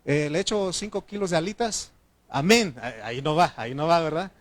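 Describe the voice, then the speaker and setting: A man with a Mexican Spanish accent preaching a sermon as pastor, animated and shouting at times, calling his congregation "brothers" and asking them to answer "amen". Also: fairly high pitch, fast talker. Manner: addresses the congregation as brothers, asks yes or no.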